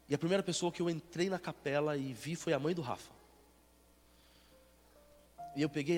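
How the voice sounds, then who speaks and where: A young man with a Brazilian Portuguese accent, a pastor telling a story in a sermon, his voice swinging from loud emotional peaks to hushed soft phrases. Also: a little high. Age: young adult. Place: church sanctuary. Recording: reverberant church hall with soft music.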